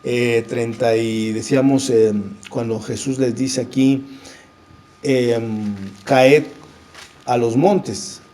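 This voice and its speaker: A man's voice: mid-range voice, fairly even intonation, takes it slowly, warm tone. A man teaching the Bible in a conversation, earnest and direct, often checking in with the listener and calling him brother. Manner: earnest, repeats questions like "¿sí?" and addresses "hermano". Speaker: preacher leading a Bible conversation.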